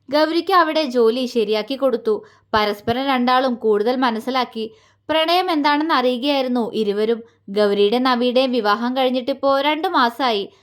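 High-voiced woman narrating a love story.

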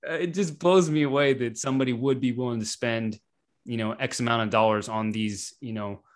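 A man co-hosting a casual podcast chat over a video call, relaxed and rambling with lots of fillers. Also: mid-range voice, brisk. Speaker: podcast co-host. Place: home computer setup.

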